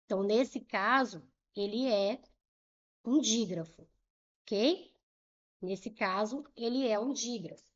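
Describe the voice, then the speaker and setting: Slow-talking Brazilian teacher woman. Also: fairly high pitch, muffled recording. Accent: Brazilian Portuguese. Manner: slow, repeats words aloud to show pronunciation, checks in with "tá?" and "ok?". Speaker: Portuguese teacher for civil service exams. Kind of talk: explaining grammar at a whiteboard.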